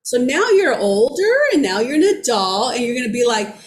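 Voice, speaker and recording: A woman co-teaching a brain-training class, speaking reflectively with many pauses and restarts. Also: on the high side, big pitch swings. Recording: roomy echo with faint background noise.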